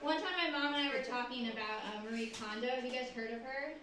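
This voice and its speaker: A woman's voice: fairly high pitch, fast talker, a loud crowd. A young woman performing a stand-up comedy set with dry, sardonic storytelling at a live show. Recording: echoey room, far from mic, loud noise.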